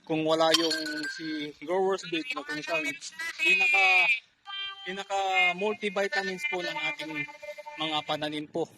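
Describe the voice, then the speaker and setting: A man promoting a fertilizer while walking through an onion field, excited and out of breath, talking to farmers watching. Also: sits high, measured pace, creaky, heavy background noise. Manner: excited, keeps pointing out crop size.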